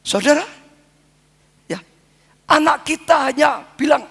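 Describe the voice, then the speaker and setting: An older man preaching a sermon, fervent, building into chanted shouted repetitions and dropping low between them. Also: measured pace, creaky. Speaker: pastor. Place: church hall. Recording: echoey church hall with music.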